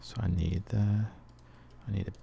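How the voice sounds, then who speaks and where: Sitting at his computer composing, a man talks through his process in a casual screen-share tutorial, thinking aloud and muttering and humming phrases as he writes. His voice is on the low side, level, slow, and creaky.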